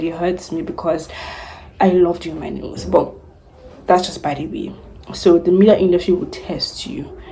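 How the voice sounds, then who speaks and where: A young Nigerian woman in her twenties, a news anchor, telling her career story in a chatty, animated vlog. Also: on the low side, rough recording.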